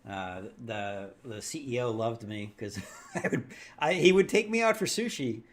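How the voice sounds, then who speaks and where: A man's voice: mid-range voice, lively intonation, measured pace. A man hosting a casual live market stream, rambling and thinking aloud, correcting himself as he goes and laughing often.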